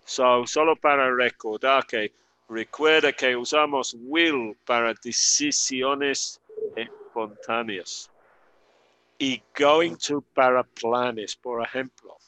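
A man's voice: mid-range voice, slow, pushed and bright, clean tone, no room sound. A man teaching an online language lesson, explaining grammar patiently and carefully. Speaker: English teacher.

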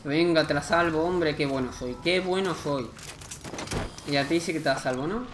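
A man with an accent from Spain, casually commenting on a game he plays, chatty and excitable with lots of slang. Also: on the high side, moderate pace, reverberant, noisy background. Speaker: gameplay commentator.

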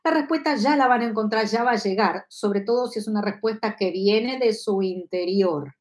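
A Kabbalah teacher in her fifties, speaking with an Argentine Spanish accent, gives a live online lesson from her home study using a lapel mic. Her medium-pitched voice moves at a normal speed. She explains patiently and keeps asking listeners whether they agree and are following along.

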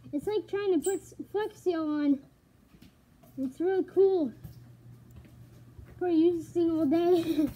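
A young woman vlogging about her homemade gadget, chatty and excited, talking through a gas mask. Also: extremely high pitch. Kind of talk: casual vlog. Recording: faint background noise.

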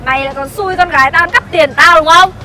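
A woman's voice: sits high, brisk, sharp tone, a faint crowd. An actress playing a harsh young mother who berates an orphan boy, scolding sharply in a scripted web sitcom. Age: young adult. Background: background music.

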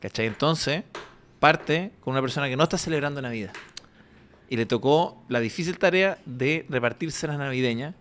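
A man's voice: mid-range voice, normal speed, a bit bright, a little hiss or hum. A man with a Chilean accent, co-hosting a podcast in rambling, slangy casual chat. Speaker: podcast co-host.

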